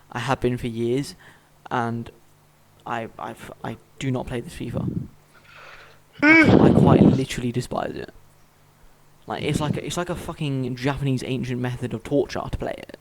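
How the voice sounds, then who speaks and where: A man's voice: mid-range voice, steady tone, moderate pace, poor audio. Young guy ranting about games, swears a lot, bit of hiss and clicks in the back. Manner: blunt, swears freely. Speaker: gaming YouTuber. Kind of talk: casual chat. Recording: faint noise with clicks.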